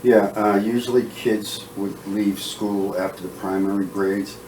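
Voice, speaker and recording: A man's voice: lowish voice, steady tone, unhurried, darkish tone, slight background noise. A man acting as interviewer, asking questions and adding comments in casual conversation. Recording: roomy, distant mic.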